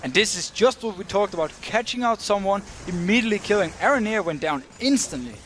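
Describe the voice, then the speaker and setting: A man's voice: high-pitched, animated, a little fast, a bit bright, a little hiss or hum. A man giving analytical color commentary on an esports match, explaining the teams' strategy.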